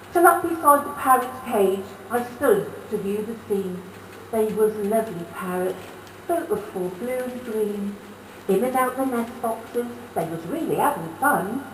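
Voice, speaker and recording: Woman, comic verse performer at a variety show, theatrical and broad, caught from the back of an echoey hall. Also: a little high. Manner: broad, theatrical delivery with dialect. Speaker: stage performer. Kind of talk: comic verse recitation on stage. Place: social club stage, amateur variety show. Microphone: distant camera mic. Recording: echoey hall from far off, faint hiss.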